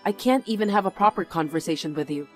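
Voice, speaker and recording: A woman playing a patient single mother who answers with a measured, reasonable manner in a dubbed drama. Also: fairly low pitch, faint music behind, lightly acted. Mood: reproachful.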